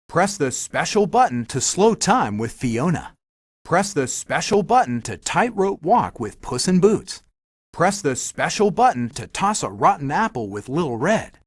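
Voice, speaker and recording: A man's voice: fairly high pitch, slightly rough, dry recording, clean studio sound, full character voice. A man voicing a helpful magic mirror, a theatrical fairy-tale guide giving scripted, instructive video game hints.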